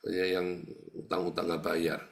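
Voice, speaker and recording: A man preaching a conversational sermon to his congregation, moving between quiet asides and loud, emphatic rebukes. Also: low voice, monotone, a little slow, gravelly. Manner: keeps addressing the congregation as "saudara". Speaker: pastor.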